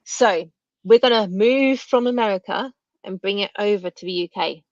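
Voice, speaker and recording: A woman's voice: mid-range voice, normal speed, no room sound, dull audio. Woman host saying w for r. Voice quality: trouble saying r and w sounds, says w for r. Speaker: live stream host. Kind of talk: casual chat interview.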